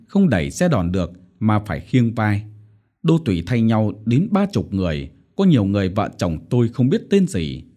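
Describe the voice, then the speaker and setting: A man narrating a short story as an audiobook in a measured storytelling manner. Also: lowish voice, dark tone.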